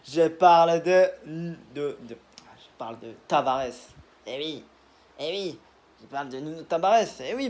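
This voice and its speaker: A young man runs through his football picks in a loose, rambling way. He piles up fillers and joking asides. His voice sits a bit high for a man. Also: darkish tone. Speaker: football video creator. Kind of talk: casual football predictions monologue.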